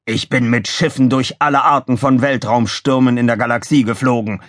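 A man voicing a boastful male waste officer who shouts bold orders on a spaceship in a storybook. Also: medium pitch, steady tone, moderate pace, dry recording, studio quality, pitched above the performer's own voice, lightly acted.

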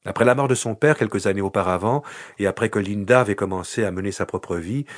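A man reads an audiobook with measured, even narration. His voice sits on the low side, and the recording is close and dry, with no room sound. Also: no room sound. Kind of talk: scripted narration.

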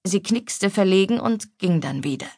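A woman narrating a novel as an audiobook reader, in a calm, even storytelling manner. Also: mid-range voice, normal speed, dry recording, clean studio sound. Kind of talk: scripted narration.

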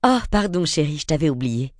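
Audiobook: a woman voicing a self-assured, friendly woman in her forties, dark tone, lively. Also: sits low, a little fast, no echo, studio quality. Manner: poised, friendly.

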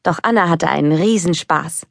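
A woman reads a children's audiobook in a calm, even storytelling manner. Her voice sits low for a woman. The recording is close and completely dry. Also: normal speed, creaky, no echo. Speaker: audiobook narrator. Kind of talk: scripted narration for children.

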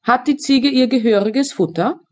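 A woman's voice: high voice, normal speed, voice pushed up. Woman doing a stern old tailor. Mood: questioning. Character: old tailor, quick-tempered father.

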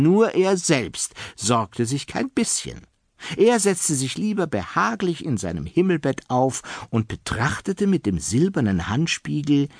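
A man reading a children's storybook aloud in a playful, lively way. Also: mid-range voice, husky, no room sound, studio quality. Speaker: audiobook narrator.

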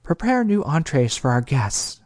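A man's voice: fairly high pitch, sing-song, measured pace, darkish tone, no room sound, clean studio sound, pitched above the performer's own voice. A man narrator voicing a harried young woman restaurant manager who speaks in terse, clipped commands. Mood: impatient.

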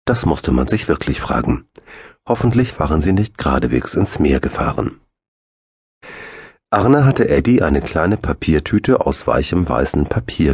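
Low-voiced man narrating a children's book. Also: breathy edge, no echo, studio quality. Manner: lively, expressive reading. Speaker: audiobook narrator.

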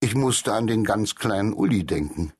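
A man's voice: lowish voice, animated, normal speed, a little mellow, husky. A man voicing a small, timid boy hare who finds his courage in a children's story. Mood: modest.

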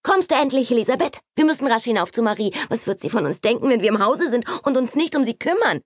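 A woman voicing an excitable, chattering young pregnant woman in an audiobook, gushing and breathless. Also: quick pace, no echo, clean studio sound. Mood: hurried. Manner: breathless, gushing, high-pitched. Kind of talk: audiobook character voice.

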